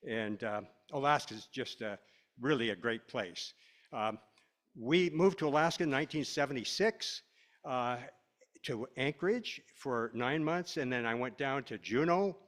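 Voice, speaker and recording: A man's voice: medium pitch, a bit bright. Older man giving a rambling slide talk. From Washington State, USA. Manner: folksy and rambling, with many uh fillers. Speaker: lecturer. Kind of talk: slide presentation to a class.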